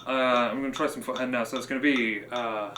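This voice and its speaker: A man speaks in an easy, casual way while drilling patterns on a drum kit. He thinks out loud between chanted counts and syllables. His voice sits in the middle of the male range and carries the reflections of a live room. Loud clattering percussion runs under his talk throughout. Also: mid-range voice, fairly even intonation, brisk, echoey room, very noisy. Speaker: drum teacher streaming practice. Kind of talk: casual live-stream practice chat.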